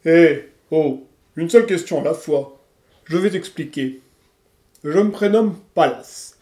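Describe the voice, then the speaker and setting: Guy doing big gentle dragon from a storybook, soft and kind, kinda high, roomy echo. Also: lightly acted. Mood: explaining. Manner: soft and kind, slow chanting spells. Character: gentle blue crystal dragon, male, huge, kind healer. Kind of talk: storybook reading.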